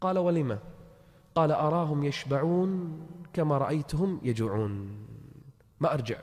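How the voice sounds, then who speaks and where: High-voiced male preacher in a reverberant hall. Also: moderate pace. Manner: dramatic, swings between loud exclamations and hushed tones. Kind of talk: storytelling sermon.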